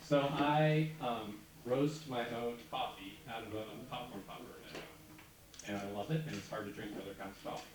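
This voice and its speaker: A man moderating a panel discussion in a relaxed, conversational way. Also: fairly low pitch, normal speed, background noise. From United States. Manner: relaxed, conversational, informal fillers. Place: large conference hall. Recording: echoey hall from far off with audience.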